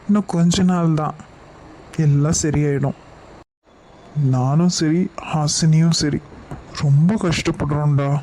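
A man voicing a young man in a cartoon, gently consoling his close friend in a matey way. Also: on the high side, a little hiss or hum, close to an everyday voice, rough recording. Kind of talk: cartoon voice acting.

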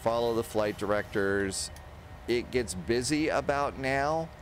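A man's voice: mid-range voice, a little slow. A man in his sixties giving casual instructional commentary on a flight simulator, talking himself through each step at a close microphone. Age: older, 60s. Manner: talks himself through steps aloud. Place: indoor home streaming setup. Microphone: close desk microphone. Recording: steady aircraft engine noise behind. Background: simulated aircraft cockpit and engine noise.

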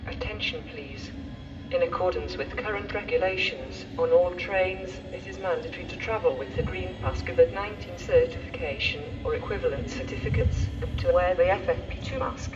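A man making formal, carefully paced train station announcements over a public address loudspeaker. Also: high-pitched, normal speed, muffled recording. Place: busy railway station platform. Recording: distant loudspeaker, loud station noise.

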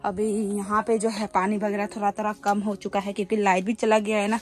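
A young woman with a Northeast Indian accent narrates a casual cooking vlog at a rural bamboo house, moving between kitchen and yard with a phone or camera held at arm's length. Her medium-pitched voice is flat and fairly quick, with faint music behind.

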